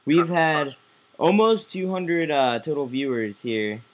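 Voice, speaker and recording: A man's voice: on the high side, lively intonation, slow. A man hosting a casual live-stream chat, rambling with many fillers and restarts. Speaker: host.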